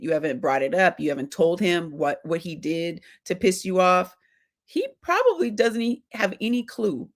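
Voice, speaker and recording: A middle-aged woman with a gravelly, low voice gives marriage advice to wives in a casual talk. She speaks directly and animatedly, slipping into little acted-out exchanges between spouses. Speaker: marriage coach and host.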